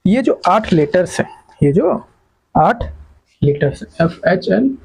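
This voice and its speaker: A man's voice: high-pitched, big pitch swings, slow pace, gravelly, darkish tone, breathy edge, low-quality recording. A man teaching English grammar to exam students, repeating words and quizzing the class with questions. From India. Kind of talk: classroom lecture.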